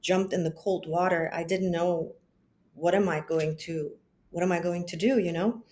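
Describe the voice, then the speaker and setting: In a relaxed interview, a reflective guest in her forties from Germany, a psychologist and business founder, talks from home as children make noise in the background. Her voice is lowish, steady and a little mellow, at a moderate pace, and she often restarts or goes off on asides.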